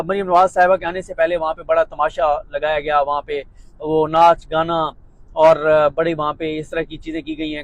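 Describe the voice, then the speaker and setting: A man's voice: high voice, no room sound, rough recording. A man with a Pakistani Urdu accent giving a political commentary monologue in a sarcastic, mocking, emphatic way.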